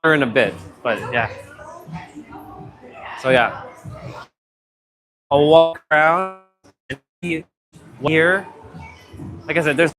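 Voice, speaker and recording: A man's voice: on the high side, animated, slow, pauses often, fairly bright tone, faint music behind, rough recording. Man on noise-cancelled mic, walking tour. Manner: rambling, many "like" fillers. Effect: noise cancellation processing with noise reduction artifacts. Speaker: vlogger. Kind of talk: casual walking tour vlog. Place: outdoor shopping plaza.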